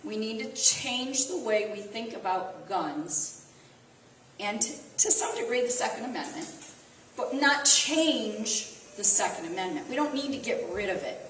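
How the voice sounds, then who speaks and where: A woman's voice: fairly high pitch, lively intonation, a little slow, fairly bright tone, a little hiss or hum. A woman with a Midwestern accent speaking casually to a small group, conversational, with fillers and self-corrections. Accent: Midwestern American. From American Midwest. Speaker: volunteer speaker. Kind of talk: casual talk to a small audience. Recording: echoey room from far off.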